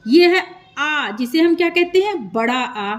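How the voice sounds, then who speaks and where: A woman teaching a children's script lesson, slow and patient, stretching out syllables and repeating sounds for learners. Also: high-pitched, animated.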